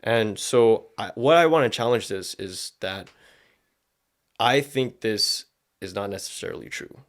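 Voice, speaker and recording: Speaking a little slowly in a lowish voice, a man hosts a podcast, offering laid-back opinions packed with slang and swearing.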